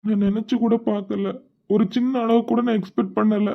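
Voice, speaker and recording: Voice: medium pitch, little pitch movement, fairly quick, creaky, close to an everyday voice. Someone voicing a young cartoon husband, muffled. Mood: overjoyed. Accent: Tirunelveli Tamil. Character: young husband, gentle and excitable.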